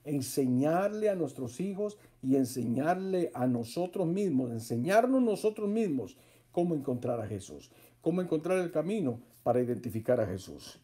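A man preaching a Bible-teaching sermon, emphatic, repeating key phrases and dropping to soft, quiet asides. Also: fairly high pitch, big pitch swings, moderate pace.

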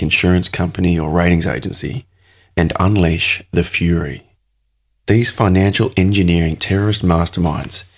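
A man's voice: deep voice, breathy edge. A man narrating an audiobook in the first person, in a sardonic and crude manner.

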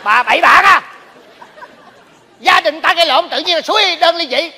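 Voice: very high voice, moderate pace, sharp tone, some chatter behind, heavily acted. Figure: a cheeky scheming friend. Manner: cheeky quips and self-serving advice. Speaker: meddling friend in a comedy sketch. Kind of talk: stage comedy acting. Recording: stage hall reverb, faint audience.

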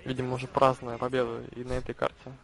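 Lisping man commentating, creaky voice. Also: medium pitch, completely flat delivery, fast. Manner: lisp, slushy sh for s. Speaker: esports match commentator. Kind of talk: casual live game commentary.

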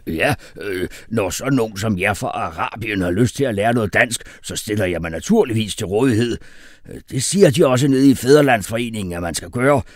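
A man doing a pompous, halting older man. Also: on the low side, animated, no echo, clean studio sound. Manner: halting, full of hesitations, self-important. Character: pompous hesitant older male nationalist.

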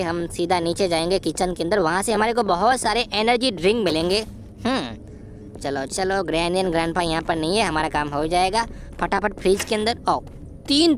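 A woman giving excitable, giggly commentary over a horror game, boasting and joking. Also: medium pitch, a little hiss or hum. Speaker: gameplay YouTuber. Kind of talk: let's-play commentary.

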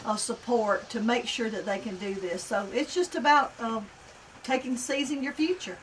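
A middle-aged woman talks up her college as a guest, articulate and upbeat with a few hesitations. Her voice is a touch high, caught from a distance outdoors with faint background noise. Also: normal speed. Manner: articulate, promotional, with fillers. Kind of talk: casual interview chat. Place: outdoor patio set with garden.

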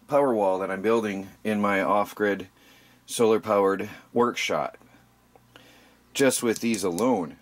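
Man chatting casually over his workbench. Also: on the low side. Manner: chatty, explanatory, with frequent ums and restarts. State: tired. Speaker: DIY channel host. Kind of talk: casual how-to vlog. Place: indoor workshop bench by a window.

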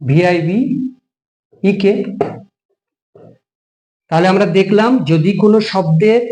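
A man's voice: sits high, warm tone, echoey room, rough recording. A man teaching a grammar lesson, explaining patiently and repeating words for emphasis.

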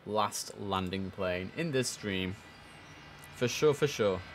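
Slow and lowish-voiced, the young streamer talks through his air traffic control game on a headset. Radio calls get read aloud in a laid-back manner, with words doubled up for emphasis amid casual chat.

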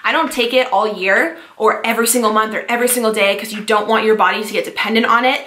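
A woman in her twenties from California, chatting quickly and eagerly about fitness products she uses. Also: a little high, bright, forceful tone, roomy sound. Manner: fast, chatty, enthusiastic. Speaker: fitness vlogger. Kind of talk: casual product-review vlog.

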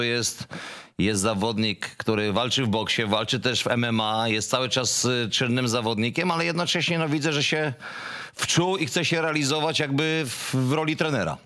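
A man's voice: medium pitch, pushed and bright. A male boxing show host asking long, winding questions full of fillers in a remote interview. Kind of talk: remote interview over video call.

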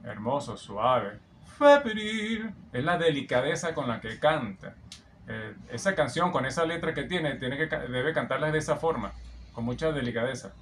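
This is a man at a moderate pace with a mid-range voice, analyzing a singer as a vocal coach while the song runs underneath. His tone is admiring and explanatory, and he often sings short passages back to illustrate his points.

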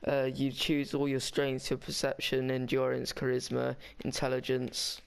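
A man's voice: medium pitch, completely flat delivery, moderate pace, creaky, clear, resonant tone. A man talking casually over a game walkthrough, rambling and chatty with frequent restarts. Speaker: gaming guide maker.

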